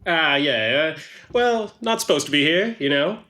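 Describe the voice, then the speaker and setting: A man's voice: fairly high pitch, lively intonation, measured pace, bright, forceful tone, pitched above the performer's own voice. A man voicing a short, shifty male newspaperman who talks in a sly, folksy way and drops his words. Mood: sly, smug.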